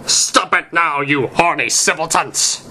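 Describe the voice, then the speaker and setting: A man voicing a stern, outraged older female witch professor in an amateur story reading, shouting and scolding. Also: fairly high pitch, slow pace, voice pushed up, exaggerated voice. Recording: noisy amateur recording.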